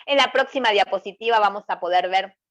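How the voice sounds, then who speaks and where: A woman's voice: medium pitch, brisk, a bit bright. A woman giving an online lecture over slides, explaining through rhetorical questions and checking with "¿sí?". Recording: slightly dull lo-fi recording.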